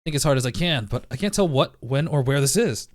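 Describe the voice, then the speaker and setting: A man's voice: medium pitch, lively intonation, brisk, dry recording, studio quality. A man reading a visual novel aloud as narration, breaking off now and then to joke about it. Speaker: let's play reader.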